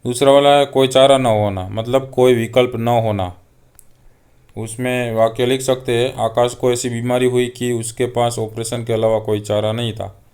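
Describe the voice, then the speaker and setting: A man's voice: medium pitch, moderate pace, clear, resonant tone. A young man, patiently explaining homework answers one item at a time as a teacher. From Gujarat. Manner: steady, patient, reads items aloud one by one.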